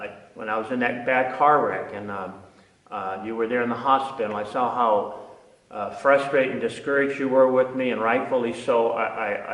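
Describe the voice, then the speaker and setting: An older man, a former navy diver, telling a personal testimony in an earnest, halting way with frequent restarts. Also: mid-range voice, fairly bright tone. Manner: earnest storytelling, frequent uh and repeated words. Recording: echoey hall, from a distance.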